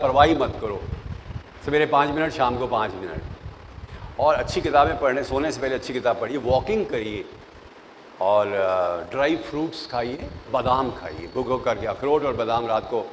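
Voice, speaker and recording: Older guy professor giving interview tips, lively storyteller, echoey hall. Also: medium pitch, normal speed. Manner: animated, storytelling, mixes English phrases, acts out quoted voices. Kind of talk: classroom lecture. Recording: long reverb, faint noise.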